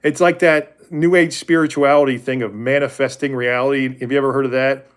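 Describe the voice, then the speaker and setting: With a smooth, mid-range voice and fairly even intonation, a livestream host in his forties talks briskly about faith with his viewers. The chat is casual and candid but rambling, full of restarts and self-corrections.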